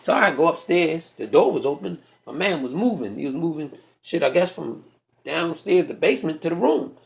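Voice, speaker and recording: A man telling a comic story, animated and profane, acting out the dialogue himself. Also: a little high, moderate pace, gravelly. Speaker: stand-up comedian.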